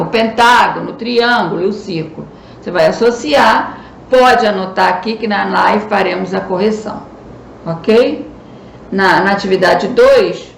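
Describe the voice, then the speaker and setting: Brazilian teacher lady, gravelly voice, patient explaining, echoey room w/ faint hiss. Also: mid-range voice. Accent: Brazilian Portuguese. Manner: patient, explanatory, stresses key words. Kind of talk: recorded school lesson.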